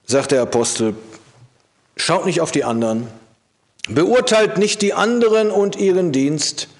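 A man giving a calm, verse-by-verse Bible exposition, with phrases that fall low at their ends. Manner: steady teaching tone, drops low at the end of sentences. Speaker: Bible teacher.

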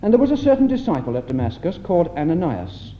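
A man's voice: a little high, very animated, fast talker. A man solemnly reading scripture aloud at a church meeting, heard on an old 1960s tape recording. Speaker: scripture reader at a church address. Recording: muffled old tape with faint hiss.

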